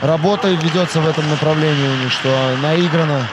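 A man's voice: fairly high pitch, steady tone, fast talker, heavy background noise. A man giving analytical co-commentary on an ice hockey game.

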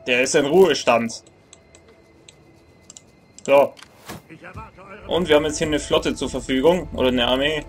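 A young man in his twenties, sitting at a computer in a small indoor room, plays a strategy game as a let's play gamer, thinking aloud, grumbling, and correcting himself. His mid-range voice is a little slow with long pauses, and soft music plays behind him.

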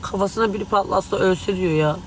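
Furious man ranting at reporters outside, high voice, swearing, faint traffic hum behind. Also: a little fast, fairly bright tone, rough recording. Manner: angry, agitated, swearing. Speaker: interviewee speaking to tabloid reporters. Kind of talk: heated street remarks to the press.

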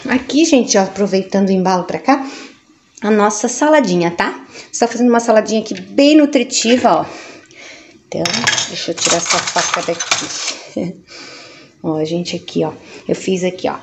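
A woman's voice: medium pitch, moderate pace, pauses often. A woman in her forties chatting casually through a home cooking vlog, recorded by a camera across her kitchen. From Brazil. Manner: chatty, keeps saying "gente" and "ó". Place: home kitchen with tiled walls. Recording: echoey kitchen with cooking noise.

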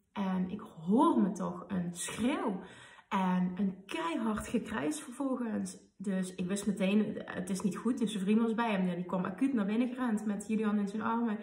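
A woman in her thirties, a podcast host, telling a personal story in an emotional, animated way. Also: mid-range voice. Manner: emotional, animated retelling with quoted dialogue. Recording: roomy, slightly distant mic.

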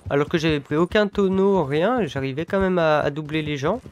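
A man's voice: fairly high pitch, brisk. A man co-hosting a gaming video, casually commenting on play while chatting with a friend.

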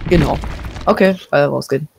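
A young man chatting casually while gaming with friends, excitable and teasing, often repeating his phrases. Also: a little high, a little fast, creaky, slight background noise. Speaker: gamer playing online with friends. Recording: loud music behind the voice.

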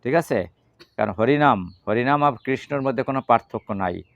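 A man's voice: mid-range voice, animated, vocal fry, a bit bright, dry recording, highs cut off. A man teaching a class on the Gita, asking his listeners questions and answering them himself. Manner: leads slow chanting. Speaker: religious teacher.

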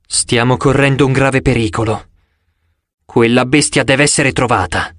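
A man reading an audiobook, voicing a stern female moon goddess who speaks slowly and firmly. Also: medium pitch, steady tone, fairly bright tone, no echo, studio quality, lightly acted. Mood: commanding. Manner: slow, firm, scolding.

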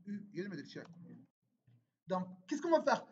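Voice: mid-range voice, big pitch swings, moderate pace, darkish tone, slight background noise. A programming teacher walking through an exercise, thinking aloud and asking and answering their own questions in an informal, repetitive way. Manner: informal, repeats words while typing. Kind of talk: screen-recorded coding lesson. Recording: dull lo-fi recording.

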